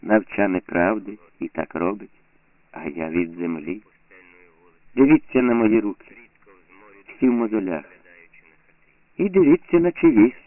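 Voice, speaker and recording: Man doing a calm, wry old peasant neighbor. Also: fairly low pitch, measured pace, pauses often, dry recording. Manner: calm, soft-spoken, gently ironic. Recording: tinny lo-fi phone-like sound.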